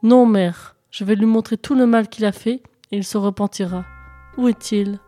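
A woman's voice: mid-range voice, steady tone, normal speed, mellow, faint music behind, natural voice. A woman voicing a determined young hero, speaking earnestly and resolutely in a storybook reading. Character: determined young hero, a boy grown to a man.

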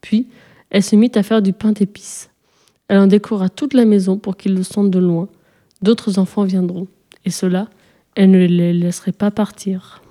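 Woman storyteller for a fairy-tale reading, calm and even, with a very dark, mellow voice. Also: medium pitch, normal speed. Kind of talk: scripted fairy-tale narration.

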